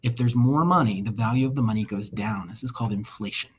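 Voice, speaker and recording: A man's voice: lowish voice, fast talker, a little hiss or hum. A male history teacher giving a casual recorded lecture, conversational with wry asides.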